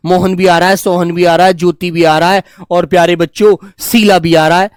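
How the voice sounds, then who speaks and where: A man teaching a grammar lesson, dictating slowly and repeating phrases word by word, fondly reassuring his students. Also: high-pitched, flat delivery, clean tone, dry recording, studio quality. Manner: fond, reassuring, calls students "dear children". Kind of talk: classroom lesson with slow dictation.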